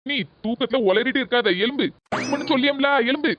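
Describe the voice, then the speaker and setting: Woman playing a fast-talking cartoon village son, southern Tamil. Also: high-pitched, lightly acted. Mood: insistent. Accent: southern Tamil Nadu Tamil. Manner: pleading, insistent. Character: concerned, coaxing adult village son and husband. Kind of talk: comedy skit voice acting. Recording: muffled audio with hiss and clicks.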